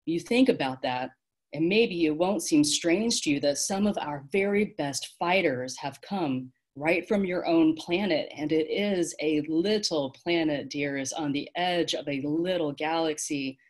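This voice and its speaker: A weary, kind celestial being, as a woman reading aloud voices her. She speaks softly and slowly, soothing frightened children. A low, gentle storybook voice. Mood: warm. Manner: soft, slow and comforting. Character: gentle, tired celestial being, comforting, female.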